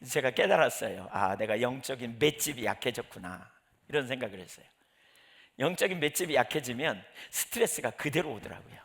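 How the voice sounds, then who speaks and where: A man's voice: medium pitch, expressive, a little fast, gravelly, fairly bright tone. A middle-aged male pastor giving a conversational sermon, telling personal stories and acting out his own prayers.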